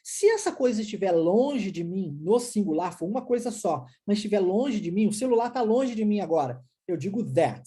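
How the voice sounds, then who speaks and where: A man's voice: high-pitched, husky. A man from Brazil with a Brazilian Portuguese accent, teaching English in an encouraging way and checking in often with his students. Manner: lively, encouraging, explains slowly with many check-ins. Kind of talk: recorded language lesson.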